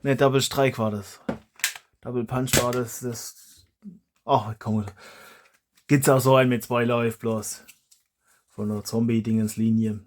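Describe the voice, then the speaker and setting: A man's voice: medium pitch, fairly even intonation, a little slow, long pauses, slight background noise. A man, a hobby YouTuber chatting casually as he reviews toy blasters, rambling and correcting himself aloud.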